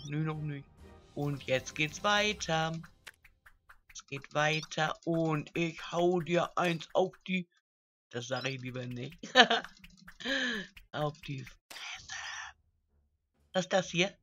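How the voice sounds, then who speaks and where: A woman hosting a casual let's play, chatting to her viewers and cooing at little game characters as if they were pets, swinging from low muttering to high exclamations. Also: fairly bright tone.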